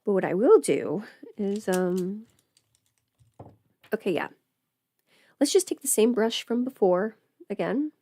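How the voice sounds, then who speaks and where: This livestreamer and audio performer is under the weather, thinking aloud as she puts on makeup in a chatty, rambling, occasionally playful way. She speaks slowly and animatedly in a dark, mid-range voice, pausing often, on a dry recording.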